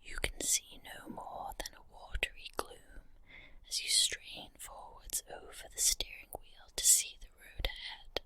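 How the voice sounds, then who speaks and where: A woman whispers a scripted ASMR guided story, her voice breathy and unvoiced with a sharp tone. She narrates in short, deliberate phrases separated by pauses.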